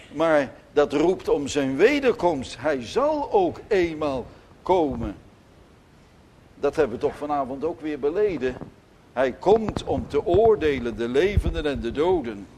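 Male preacher, unhurried sermon, voice swings high and low between loud calls and soft asides. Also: breathy edge. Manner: emphatic preaching, rising to loud declarations and dropping to soft asides. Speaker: pastor. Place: church.

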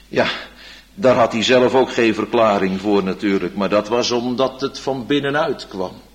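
A man preaching a sermon in solemn, old-fashioned church language, growing loud and impassioned at times. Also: mid-range voice. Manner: impassioned, rising to loud emphatic stretches.

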